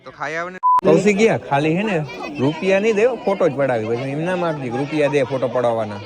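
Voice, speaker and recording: A man, his voice sitting a touch high, cracks jokes and teases his friends while filming a wedding on a handheld phone. He talks over the thick chatter of a wedding crowd outdoors. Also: a little fast. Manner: teasing, joking banter with friends. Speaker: vlogger. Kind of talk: casual handheld wedding vlog. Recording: loud crowd chatter around.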